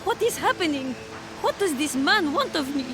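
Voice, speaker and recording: A woman's voice: sits high, very animated, normal speed, noisy background. A woman playing an anxious, motherly elderly grand lady in a video game, theatrical and fretful. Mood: frightened, pleading. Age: older.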